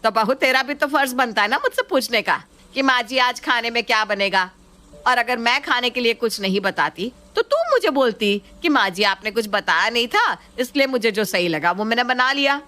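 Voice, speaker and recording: A woman's voice: fairly high pitch, lively intonation, moderate pace, sharp tone, pitched above the performer's own voice. A woman voicing an irritable middle-aged mother-in-law in a nagging, bossy way.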